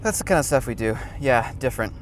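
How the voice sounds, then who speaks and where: A man reading a film script aloud inside a car, sometimes projecting loudly, with vehicle and wind noise behind him. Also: medium pitch, expressive, quick pace.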